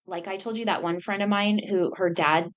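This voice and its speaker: A woman co-hosting a podcast in casual conversation, chatty and quick to laugh, animated when retelling. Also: mid-range voice. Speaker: podcast co-host.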